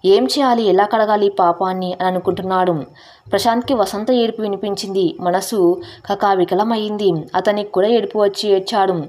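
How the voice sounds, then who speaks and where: A woman's voice: mid-range voice, fairly even intonation, a little fast, a little mellow. A woman narrating a scripted story in an emotive, dramatic way.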